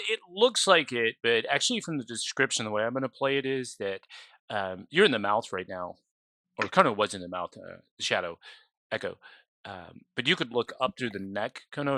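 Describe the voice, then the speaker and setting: A man's voice: fairly low pitch, animated, brisk, bright, forceful tone, dry recording. A man running an online tabletop game as game master, talking loosely with many ums and uhs.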